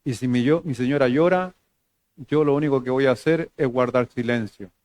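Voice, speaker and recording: A man with a Chilean Spanish accent, a pastor preaching a sermon in a conversational way, joking and moving between loud emphasis and soft, low asides. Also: moderate pace, dry recording.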